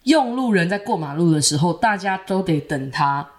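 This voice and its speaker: A woman's voice: lowish voice, animated, moderate pace. A young woman with a Taiwanese Mandarin accent co-hosting a podcast, chatting casually and giving frank opinions. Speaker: podcast co-host. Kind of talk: casual chat.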